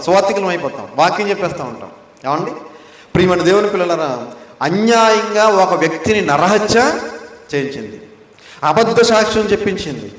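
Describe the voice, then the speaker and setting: A man with a Telugu accent preaches in a high, ringing voice, often turning to the congregation with short questions. His voice echoes through a large hall with a long reverb tail, sounding roomy rather than close. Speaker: pastor. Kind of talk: sermon.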